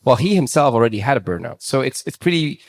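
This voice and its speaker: A man's voice: mid-range voice, big pitch swings, fast talker. A man talking conversationally and anecdotally in a casual panel discussion.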